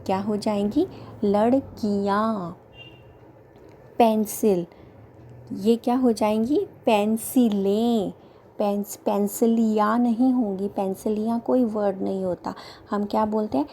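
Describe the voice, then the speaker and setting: Woman teacher, children's grammar lesson, very slow drawn-out pace, mellow tone, repeats every word, asks and answers her own questions, mixes English into her speech. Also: mid-range voice, fairly even intonation, slight background noise.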